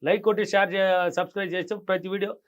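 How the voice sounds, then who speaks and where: Fast, emphatic man giving advice. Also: high voice, flat delivery. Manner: emphatic, repeats key phrases. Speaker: money affirmation guest. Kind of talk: interview advice. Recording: dull lo-fi sound.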